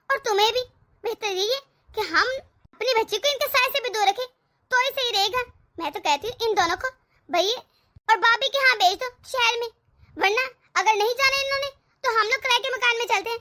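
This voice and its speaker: A woman voicing a scheming young wife in an animated family drama, who talks sharply and scolds. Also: very high voice.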